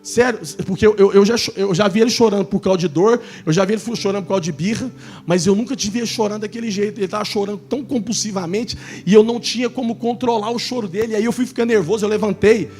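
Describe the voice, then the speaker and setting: A man with a Brazilian Portuguese accent preaching a sermon as pastor, swinging from shouted calls to hushed storytelling. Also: high voice, fast talker, faint music behind.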